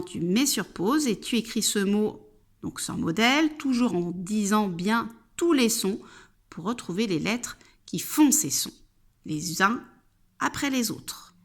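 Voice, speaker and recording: A woman's voice: mid-range voice, animated, measured pace. A woman teaching children to spell, patiently sounding out each syllable and reassuring them.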